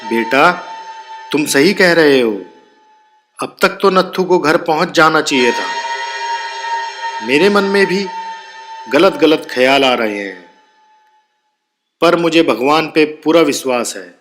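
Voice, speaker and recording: A man's voice: fairly high pitch, expressive, takes it slowly, long pauses, music in the background. A man voicing a sorrowful, patient and devout village father in a storybook tale, consoling in manner. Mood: sad resignation. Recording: long reverb, clear background noise.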